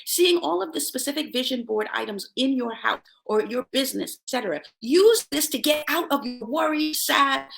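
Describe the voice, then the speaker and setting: With a high-sitting, gravelly voice, a Jamaican woman delivers motivational talk and personal anecdotes on her self-help show. She speaks at normal speed with hardly any pauses, emphatic and expressive, repeating key words for effect.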